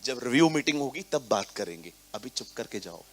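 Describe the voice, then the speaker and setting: A man preaching a sermon to a congregation, swinging between quiet, mocking asides and loud, emphatic proclamation, and mixing English words into his preaching. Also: medium pitch, sing-song, fairly quick, husky. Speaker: pastor. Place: church service before a congregation.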